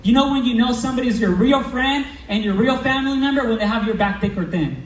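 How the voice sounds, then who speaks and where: A man giving a motivational stage talk to a live audience, slangy and energetic, telling stories and quizzing the crowd. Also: very high-pitched, quick pace. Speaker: business coach speaking at a recruiting meeting. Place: event hall with a live audience. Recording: roomy hall, mic from a distance, faint background noise.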